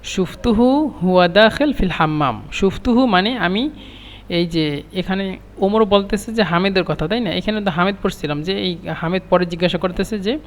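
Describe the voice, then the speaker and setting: A man teaching Arabic phrases, repeating each phrase slowly and then translating it. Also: high voice, long reverb tail.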